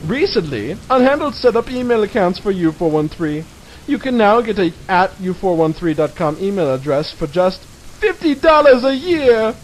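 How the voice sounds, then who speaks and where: A man's voice: sits high, expressive, moderate pace. A man giving a mock-dramatic reading of a satirical article in a theatrical, mocking manner, as narrator. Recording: hissy, noisy home recording.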